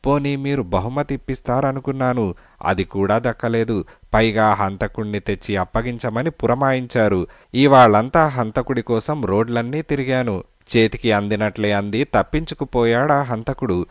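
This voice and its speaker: A man's voice: medium pitch, normal speed, no room sound, close to an everyday voice. A man voicing a broke, desperate male lawyer who pleads and blusters. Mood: pleading.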